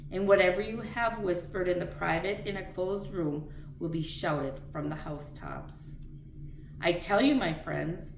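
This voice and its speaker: A woman who reads the daily scripture readings speaks in a slightly low, gravelly voice, plain and earnest. She sounds set back from the microphone in a room that echoes her words, with faint noise in the background.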